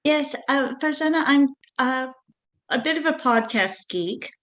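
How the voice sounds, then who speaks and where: A woman's voice: high-pitched, lively intonation, measured pace, fairly bright tone, low-quality recording. Eager woman asking a question. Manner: enthusiastic, curious. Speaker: audience member. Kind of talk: virtual Q&A question.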